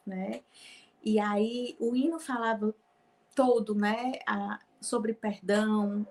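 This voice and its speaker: A woman with a somewhat high voice recounts a personal faith experience as an interview guest. She acts out past conversations as she goes and tags her sentences with a questioning "né?". Her telling stays emotional, close to tears. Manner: storytelling, acting out dialogue, frequent "né?" tags.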